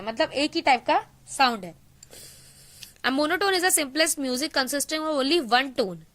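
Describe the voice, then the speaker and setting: A woman teaching a science class online, explaining in Hindi mixed with English terms, asking and answering her own questions and reading definitions out slowly. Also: sits high, sharp tone.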